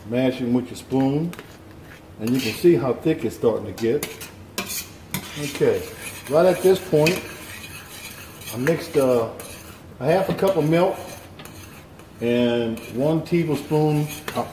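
A man with a warm, mid-range voice runs a casual home cooking demonstration from his kitchen stove, leading the viewer through each step in a folksy, easygoing manner. The camera is positioned over the stove with his hands visible, and the recording is echoey with faint pan noise.

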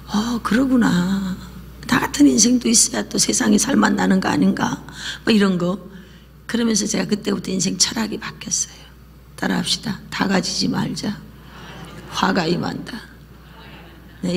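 Woman pastor, husky gravelly voice, lively sermon, whispers at times, echo of a church hall. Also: mid-range voice, slight background noise. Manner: lively preaching, drops to whispers and calls for repetition. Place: church sanctuary.

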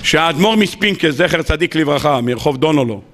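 A man with an Israeli Hebrew accent, a rabbi giving a sermon, telling stories dramatically and rising to loud emotional peaks. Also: a little high, lively intonation. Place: lecture hall.

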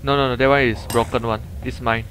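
Over clear in-game ambience and sound effects, a Malaysian-accented gamer hosting a gameplay video chats casually with a co-player, using colloquial English sprinkled with "lah" and Malay words. He talks fast in a steady, medium-pitched voice that's a bit bright, and the recording is low quality.

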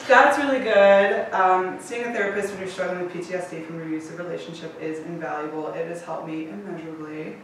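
A woman's voice: fairly low pitch, steady tone, fast, hardly any pauses, a little hiss or hum. A woman telling a personal story to a live audience, candid and swearing freely, laughing often. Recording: echoey room from a distance.

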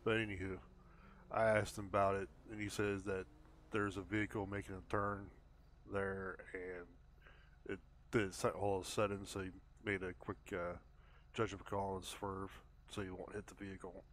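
A man's voice: deep voice, flat delivery, normal speed, a bit bright, a little hiss or hum. A man chatting casually in game as he roleplays a patrol officer. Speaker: player acting as a patrol officer.

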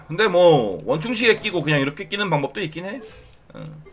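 A man's voice: sits high, normal speed. A man streaming casual commentary on a viewer's game account, teasing, ranting in exasperation and addressing his viewers directly. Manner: animated, exasperated rants with mild swearing.

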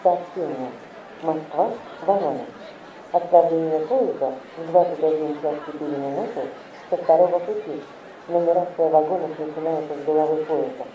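A man's voice: a little high, recorded from a distance. Muffled, echoing male station announcer. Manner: measured, segmented phrasing. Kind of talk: formal public transport announcement, like an airport announcement. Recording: muffled, echoey station loudspeaker, noisy crowd.

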